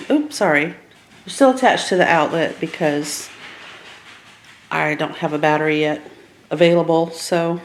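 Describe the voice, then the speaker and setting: A woman chatting casually and informally to her viewers in a rambling home vlog, indoors in a house. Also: medium pitch. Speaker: vlogger. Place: indoors, emptied rooms of a house. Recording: echoey empty room.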